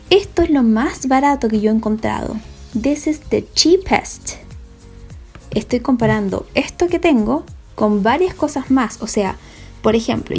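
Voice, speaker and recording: A woman's voice: fairly high pitch, darkish tone, breathy edge. A woman gives a recorded English lesson over slides. She explains step by step in a patient way and often checks that her students understand. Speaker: English teacher.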